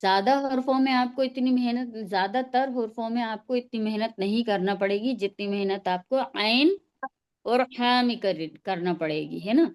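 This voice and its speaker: A woman's voice: fairly high pitch, a little mellow, clear, resonant tone. A woman teaching pronunciation in an online class over a video call, patiently modelling each sound for her students to repeat. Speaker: tajweed teacher.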